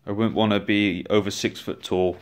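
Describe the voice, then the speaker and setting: Man, low-pitched voice, casual home review, chatty, restarts sentences, phone camera. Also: normal speed. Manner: chatty, relaxed, with frequent restarts. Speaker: gear reviewer. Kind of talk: casual product walkthrough. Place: indoors at home, on a rug.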